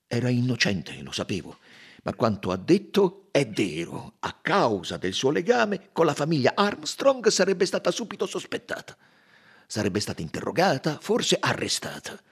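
A man's voice: medium pitch, a bit bright, slightly rough, pitched above the performer's own voice, heavily acted. A man voicing a hot-tempered aristocratic count who speaks with indignant passion. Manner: indignant, impassioned.

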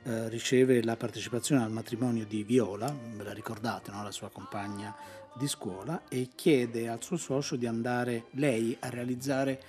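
A man's voice: mid-range voice, fairly even intonation, moderate pace, music in the background. A man hosting a radio film show, introducing film clips with a few hesitations. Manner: explanatory, with hesitations.

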